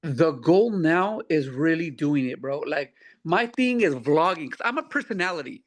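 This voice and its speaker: A man guest comedian with an unexpectedly high voice, chatting casually in slang with many restarts. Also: expressive, normal speed. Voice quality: unusually high voice for his look. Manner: laid-back slangy talk, many repeats. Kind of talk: casual interview chat.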